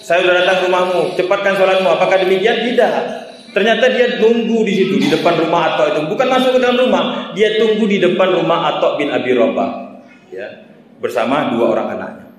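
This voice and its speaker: A man's voice: sits high, lively intonation, brisk, a little hiss or hum. Religious teacher guy giving a sermon, keeps asking rhetorical questions, lots of reverb from a big hall. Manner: storytelling, rhetorical questions, frequent "ya" tags.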